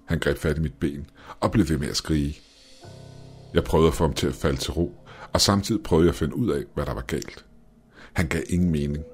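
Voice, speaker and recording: Very deep-voiced man telling a horror story. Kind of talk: scripted horror story narration.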